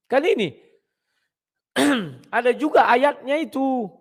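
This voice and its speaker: Throat-clearing man preaching bluntly, gravelly. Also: extremely high pitch, sing-song, drawn-out words. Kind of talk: casual preaching talk to viewers.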